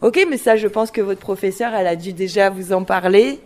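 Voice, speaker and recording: A woman's voice: medium pitch, brisk, a little mellow. A woman leading a diction workshop for children, playful and demonstrative, asking them many questions.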